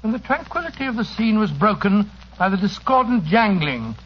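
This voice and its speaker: A man's voice: high-pitched, sing-song, moderate pace, slight background noise. A man playing a genial older English doctor who tells of his past adventures in an avuncular, fussy manner, in 1940s radio drama style. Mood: genial, reminiscing. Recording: dull old radio broadcast.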